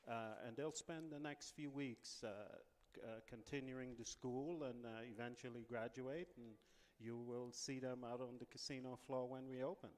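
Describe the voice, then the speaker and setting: A man from the Bahamas talks through interview questions at an unhurried pace, filling gaps with frequent pauses. His voice sits in a middle range and carries a long, hall-like reverb. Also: mid-range voice. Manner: relaxed, many "uh" pauses. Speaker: casino executive guest. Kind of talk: interview answers.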